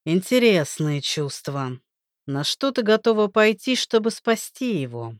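A woman's voice: medium pitch, big pitch swings, a little slow, dry recording, studio quality. A woman voicing an arrogant, cruel male rain god who speaks with contempt and menace. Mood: contemptuous.

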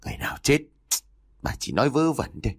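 A man's voice: mid-range voice, big pitch swings, fast talker, slightly rough. A man voicing a domineering old husband who scolds his wife in a brusque manner. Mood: scolding.

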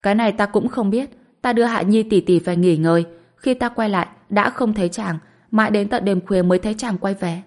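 A woman's voice: medium pitch, a little fast, a little mellow, close to an everyday voice. A woman voicing a playful, teasing young wife in an audiobook. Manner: teasing, mischievous. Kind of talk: audiobook character voice.

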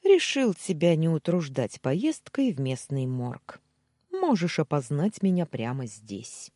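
A woman voicing the story's hero, a cold, sardonic young man who speaks slowly and deliberately. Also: low-pitched, very animated, dark tone, dry recording, studio quality, full character voice.

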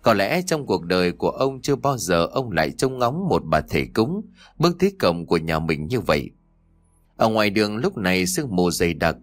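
A man's voice: fairly low pitch, no echo. A man narrating a ghost story and reading every character's lines in his own voice.

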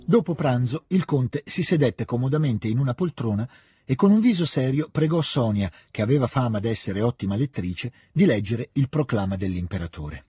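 A man reading a classic novel aloud as an audiobook narrator, measured and expressive, at a close studio mic. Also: medium pitch, breathy edge, no echo.

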